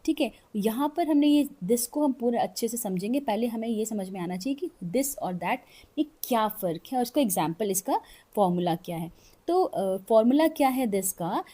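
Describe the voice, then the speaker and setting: A woman with a slightly high, warm voice and lively intonation teaches English grammar in Hindi mixed with English, using board drawings. Her pace is slow, she explains step by step, reads examples word by word, and frequently asks "ठीक है".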